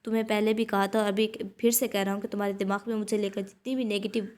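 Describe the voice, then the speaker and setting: Woman reading as a stern young man, curt commands, flat even delivery, storybook reading. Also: mid-range voice, fast, natural voice. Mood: threatening. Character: stern protective young man, brooding hero.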